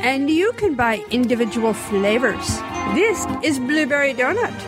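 A woman playing a blissfully stoned, sarcastic retro housewife in a parody radio sketch, with a slow deadpan drawl. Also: sits high. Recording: voice under loud music.

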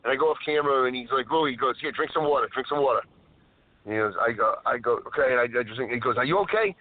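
Calling a live show on his car speakerphone while driving, a man tells stories in a mid-range voice at a quick pace, rambling and repeatedly interrupting himself to correct what he just said. The phone line sounds tinny and dry.

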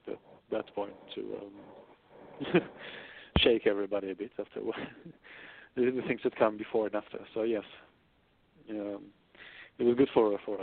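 A man with a low, gravelly voice explains his ideas with thought and frequent pauses. He sounds like a guest author in a casual interview. The recording is tinny and phone-like. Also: a little hiss or hum. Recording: dry, phone-like line.

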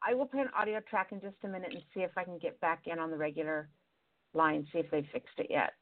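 A woman's voice: lowish voice, steady tone, quick pace. A woman hosting a call-in show, chatting casually with callers and calling them pet names, her voice coming through with a tinny tin-can phone sound. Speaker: radio call-in show host. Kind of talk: casual on-air chat with callers. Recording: tinny narrow-band line.

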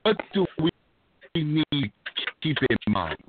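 A man hosting and asking questions over a phone connection that cuts in and out, speaking haltingly and repeating words. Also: fairly high pitch, big pitch swings. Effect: phone line breaking up, cutting in and out. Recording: tinny noisy phone line.

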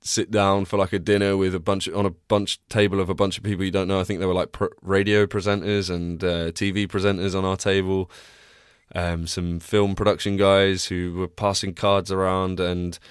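In a casual solo podcast chat, a young male host rambles and restarts many times, tired and congested, from a small, cramped home recording space. His deep voice has a clean tone and flat delivery at normal speed. The sound is clean studio quality with no room sound.

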